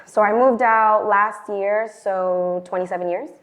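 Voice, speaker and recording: A woman's voice: mid-range voice, steady tone, a little slow. A woman, talking as a podcast guest in a casual, chatty way and filling her speech with "like". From the Bronx, New York. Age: late 20s. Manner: chatty, frequent "like" fillers. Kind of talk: casual interview chat. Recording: dull lo-fi sound.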